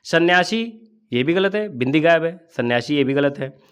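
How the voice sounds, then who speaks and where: A man's voice: on the high side, lively intonation, normal speed, a bit bright, clear, resonant tone. Man explaining test answers. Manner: asks and answers his own questions. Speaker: exam coaching teacher.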